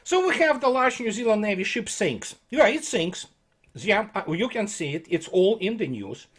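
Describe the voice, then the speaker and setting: A man's voice: high voice, sing-song, normal speed, breathy edge. A man talking in a casual commentary monologue, rambling and sarcastic, with many fillers and restarts. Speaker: channel host.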